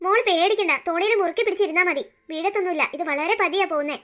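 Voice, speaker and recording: A steady middle-aged cartoon father reassures his family and lectures them in a quick, bright voice. A woman acts him out. He sounds even and unshaken. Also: extremely high pitch, pitched below the performer's own voice. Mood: steady reassuring. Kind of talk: cartoon story voice acting.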